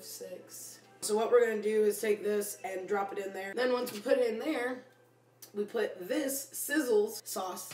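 In a small kitchen, a woman in her twenties hosts a casual cooking vlog while losing her voice, her tone medium-pitched and worn. She's playful and slangy and keeps adding silly rhyming endings to words. A phone camera films her close, then from a few steps off, leaving her far from the mic in an echoey room.

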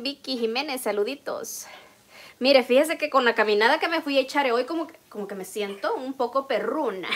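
A Salvadoran woman with a homely, talkative manner, cooking at home and chatting to her viewers. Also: high voice. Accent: Salvadoran Spanish. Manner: homely, talkative, addresses viewers warmly as "usted". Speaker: cooking vlogger. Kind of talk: chatty live cooking stream. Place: home kitchen. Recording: clatter of pots and utensils.

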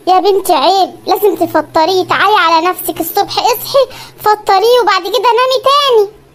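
A performer voicing an older Egyptian man, the husband's father, who slowly and calmly lectures the quarreling couple. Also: very high-pitched. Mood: calming. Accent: Egyptian Arabic. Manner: slow, soothing, moralizing.

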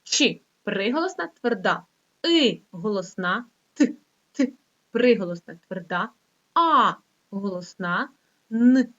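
A middle-aged woman teaching an online lesson to young children, reading slowly and in a sing-song way. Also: lively intonation, a bit bright. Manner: slow, sing-song reading with rising pitch. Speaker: primary school teacher. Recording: dull lo-fi recording.

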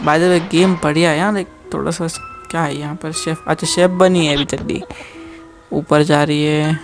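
A man's voice: on the high side, creaky. A young man gives casual, joking commentary while playing a horror game, teasing the game and talking straight to his viewers. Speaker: gaming youtuber.

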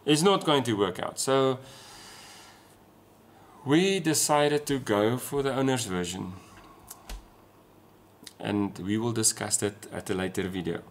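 Indoors in a small home room, a forties-aged South African man with an Afrikaans accent explains things offhandedly as a sailing vlogger addressing the camera. His medium-pitched voice is animated yet slow, broken by long pauses, with slight background noise.

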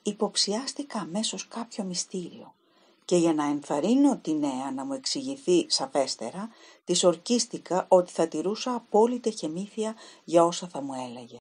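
A woman reading a detective story aloud as an audiobook narrator, in a measured, unhurried storytelling manner. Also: lowish voice, expressive, darkish tone, breathy edge. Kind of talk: scripted narration.

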